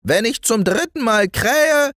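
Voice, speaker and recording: A man voicing a demanding, greedy little boy who shouts insistently for more. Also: lively intonation, a little slow, no room sound, studio quality, full character voice. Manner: shrill and insistent.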